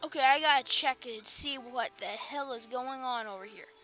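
A woman giving let's play commentary as the host of a gaming channel, excitable and quick to burst into alarmed exclamations. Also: high-pitched, faint music behind.

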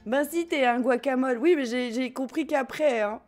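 A woman's voice: high voice, normal speed, darkish tone. A French woman live-streaming a game, chatting casually and giggling with her viewers. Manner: chatty, giggly, swears casually, talks to chat. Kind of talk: casual live-stream chat while gaming. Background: game music.

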